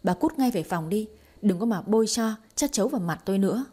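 A stern, cold older father-in-law, as a woman reader puts him on in an audio story. He hisses his contempt in a lower, dark and husky voice. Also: expressive, fast talker. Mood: contemptuous. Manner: hissing, contemptuous.

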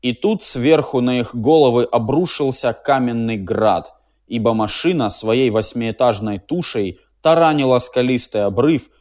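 A man narrating a literary tale in a measured, dramatic storytelling manner. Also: medium pitch, darkish tone. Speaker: audiobook reader.

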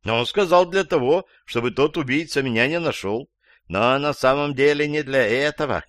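Man doing a raised, shrill old woman witness, suspicious and excitable, dry close audiobook sound. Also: normal speed, no room sound, close to an everyday voice. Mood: agitated. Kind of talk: audiobook character voice.

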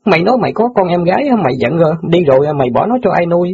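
A man performs a full character voice as a cheeky, brash newspaper boy on the street for an audiobook drama. His high voice is lively, husky and gravelly, and he speaks quickly, with a dull, lo-fi recording quality.

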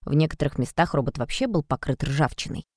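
A woman narrating a children's storybook in an even, clear reading voice. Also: deep voice, quick pace, no echo, studio quality.

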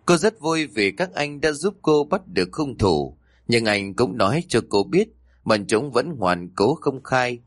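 A man narrating a ghost story in an expressive, dramatic way. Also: medium pitch, unhurried, no echo, studio quality.

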